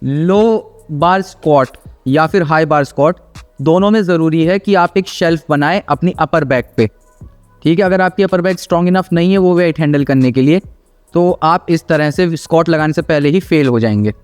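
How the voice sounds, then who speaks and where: A man's voice: on the high side, moderate pace, a little mellow, faint music behind. A man giving casual, teasing commentary on gym videos, explaining technique and often checking in with "theek hai". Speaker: fitness video reactor and host.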